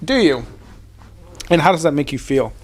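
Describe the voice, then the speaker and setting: A man's voice: fairly high pitch, animated, normal speed, slightly rough. A young man co-hosting a podcast, bantering playfully and making fun of himself. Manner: self-deprecating, playful banter. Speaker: podcast co-host. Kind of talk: casual chat.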